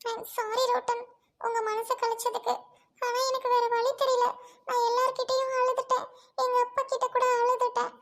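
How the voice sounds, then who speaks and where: A woman's voice: very high voice, completely flat delivery, normal speed, fairly bright tone. A woman voicing a young woman doctor who pleads and insists, in an amateur audio drama. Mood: pleading.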